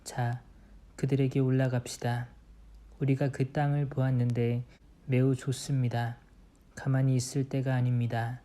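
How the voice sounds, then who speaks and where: Eager male scouts urge their kinsmen to move, read out by a priest in his own voice. The voice is very dark and level. Their lines come a little softer than the narration around them. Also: mid-range voice, level tone, unhurried, close to an everyday voice. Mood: urging. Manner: quoted lines read plainly, slightly softer. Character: group of male scouts urging an attack.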